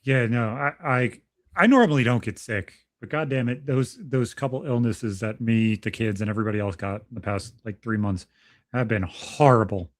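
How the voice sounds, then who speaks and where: A man's voice: medium pitch, normal speed. A man in his thirties co-hosting a casual podcast, talking bluntly and swearing freely as he rambles through his thoughts. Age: 30s. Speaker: podcast co-host.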